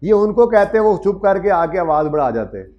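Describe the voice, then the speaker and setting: Man lecturing a class, higher voice. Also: big pitch swings, fairly quick, highs cut off. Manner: explains step by step, calls students "beta" and "bhai", asks "theek hai na?"; raises his voice to project to the room. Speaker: accounting lecturer. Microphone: microphone in a classroom with hybrid online students.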